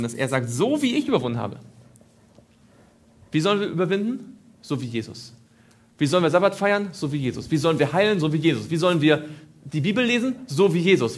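A man preaching a sermon, asking his listeners questions and repeating phrases for emphasis. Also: fairly high pitch.

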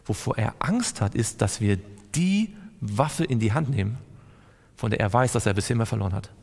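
A man's voice: fairly low pitch, lively intonation, moderate pace, creaky, a little mellow. A man teaching a Bible study to a group, quizzing his listeners and repeating words for emphasis. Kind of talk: interactive Bible study talk. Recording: long hall reverb.

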